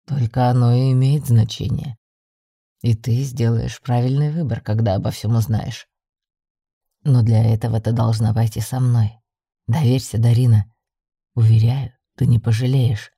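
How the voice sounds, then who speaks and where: An audiobook half-dragon man, young and possessive, who talks low and insistent, as a woman acts him out. His voice sits deep and mellow, with a husky edge. It is a dry, close recording. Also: fairly even intonation, moderate pace, no echo, full character voice. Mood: coaxing. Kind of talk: audiobook narration.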